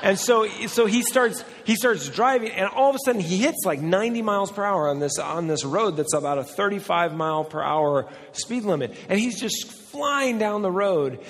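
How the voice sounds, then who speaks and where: A man in his forties, a pastor, preaching a sermon and telling personal stories in an animated, self-deprecating way. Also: high-pitched, moderate pace, hardly any pauses. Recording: hall with long reverb.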